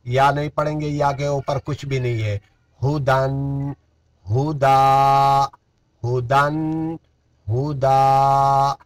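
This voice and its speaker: Slow-drilling man teaching letter sounds. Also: mid-range voice. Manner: spells out each letter and vowel, then blends them; quick, soft-spoken asides between drills. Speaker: Quran reading teacher. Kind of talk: slow syllable-by-syllable recitation lesson.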